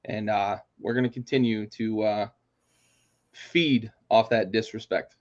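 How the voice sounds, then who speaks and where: A man's voice: on the low side, fairly even intonation, a little slow. Profane man with muffled sound. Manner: swaggering betting talk, profane. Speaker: podcast co-host. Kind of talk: casual sports podcast chat. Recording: dull muffled audio.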